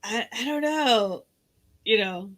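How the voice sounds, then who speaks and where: A woman's voice: on the high side, animated, slow, fairly bright tone. A woman co-hosting a casual podcast, amused and giggling at her partner's jokes. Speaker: co-host.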